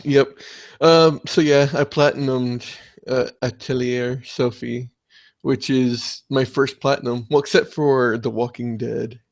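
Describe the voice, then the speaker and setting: Excitable, foul-mouthed young man hosting a podcast. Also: medium pitch, measured pace, gravelly, lo-fi sound. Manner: excitable, swears a lot, animated. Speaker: podcast host. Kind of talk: casual podcast chat.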